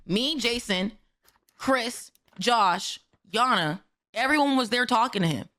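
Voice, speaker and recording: A woman's voice: on the high side, animated, takes it slowly, bright, forceful tone. A woman streamer speaking in a clip, venting in an exasperated rant full of rhetorical questions. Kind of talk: frustrated call-out rant.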